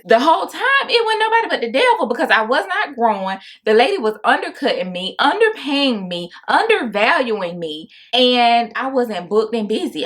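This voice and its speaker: A young woman, chatting casually to her viewers about a difficult client while she does her makeup, often exasperated. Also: medium pitch. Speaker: makeup artist and vlogger.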